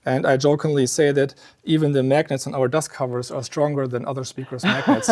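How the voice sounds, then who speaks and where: In an exhibit room at an audio trade show, a man representing a company explains a product in an informal technical way. He's measured and explanatory, pausing between phrases, with a medium-pitched, slightly mellow voice.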